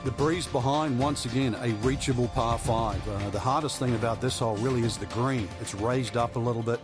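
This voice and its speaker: A man's voice: mid-range voice, fairly quick, natural voice. A man giving conversational, explanatory golf commentary as the analyst in a broadcast booth. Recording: music and crowd behind voice. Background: music and outdoor crowd ambience.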